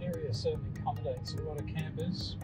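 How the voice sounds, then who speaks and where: An Australian man showing off his camping setup in a relaxed, plain-spoken walk-through, filmed outdoors on a handheld camera. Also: fairly high pitch, loud music behind the voice. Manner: relaxed, plain-spoken, unhurried tour guide. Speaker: camping vlogger. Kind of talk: casual walk-through narration. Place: outdoor bush campsite. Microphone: handheld action camera.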